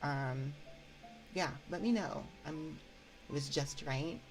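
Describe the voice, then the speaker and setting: Music plays in the background as a woman giggles and rambles hesitantly to her livestream viewers through a binaural 3Dio ASMR mic. Her low-pitched voice is expressive and slow, and the audio quality is poor.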